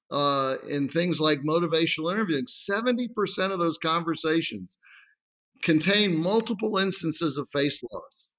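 A man answering interview questions in a calm, measured way, acting out conversations with patients. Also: fairly high pitch.

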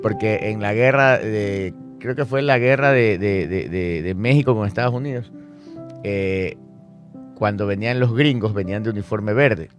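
Ecuadorian man hosting morning radio, playful and laughing, soft asides, light music bed. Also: fairly low pitch, normal speed. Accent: Ecuadorian Spanish. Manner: jokey, laughs often, drops into soft asides. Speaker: radio show host. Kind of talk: casual morning radio chat.

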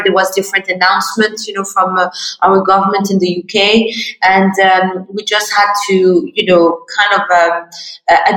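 A woman's voice: medium pitch, a bit bright. A middle-aged woman from Morocco, founder of an art fair, answering interview questions in a hesitant way full of fillers and restarts. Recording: roomy distant mic.

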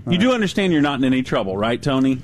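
A man's voice: mid-range voice, sing-song, racing, darkish tone, a little hiss or hum. A man co-hosting a radio show, joking and needling in casual banter. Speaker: radio host.

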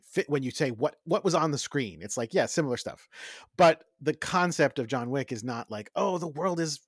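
A man's voice: mid-range voice, animated, normal speed, slightly rough, dry recording, studio quality. A man co-hosting a casual film discussion, hesitantly repeating words as he makes his points. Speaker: co-host.

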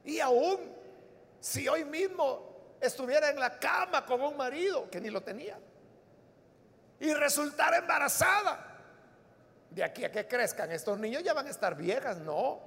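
A man's voice: very high-pitched, animated, a little slow, vocal fry, pauses often, pitched above the performer's own voice, heavily acted. A man voicing a weary older widow who insistently pleads with her daughters-in-law to go home. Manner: pleading, insistent, rising shouts. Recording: long reverb of a large hall.

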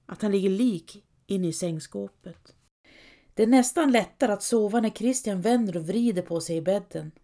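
A woman narrating a novel excerpt in a calm, measured reading. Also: medium pitch. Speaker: audiobook narrator. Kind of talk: scripted narration.

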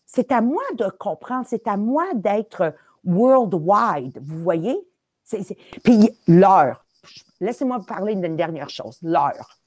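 A middle-aged woman telling animated anecdotes on a talk show, often dropping English words into her French. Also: mid-range voice. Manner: lively storyteller, mixing English words into French.

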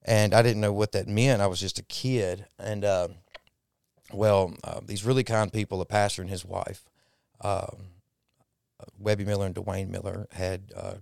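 A man, likely in his thirties, telling his life story as an interview guest in a halting, reflective way with frequent pauses. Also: low voice, flat delivery, gravelly, darkish tone, no room sound, clean studio sound. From Texas, raised in Mississippi. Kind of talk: personal testimony interview.

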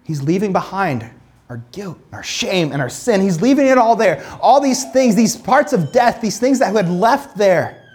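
A pastor teaches casually from the Bible, reading scripture aloud between comments and then driving home emphatic points with repeated phrases and plenty of "like" fillers. The voice is mid-range and darkish, with big pitch swings at a normal speed.

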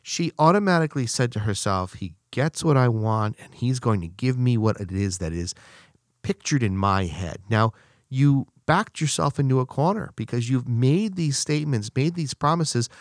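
A man's voice: lively intonation, moderate pace, no echo. Man giving casual business advice, dry sound. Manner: conversational, acts out quoted dialogue with rising pitch. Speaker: business speaker.

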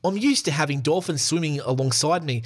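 A man voicing a New Zealand character in a deliberately bad, put-on New Zealand accent, his delivery clumsy and prone to cracking up. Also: a little high, lightly acted. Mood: jokey mock. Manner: deliberately clumsy, breaking into laughter.

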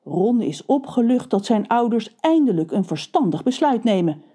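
A woman's voice: on the high side, normal speed. Woman reading a children's story. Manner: lively, expressive. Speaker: narrator.

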